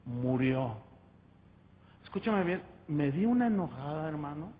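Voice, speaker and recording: A man's voice: a little high, lively intonation, unhurried. A man preaching as pastor, telling a story and calling his listeners "brother" over and over. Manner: storytelling, addresses listeners as "hermano". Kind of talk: sermon testimony. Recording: muffled, echoey hall.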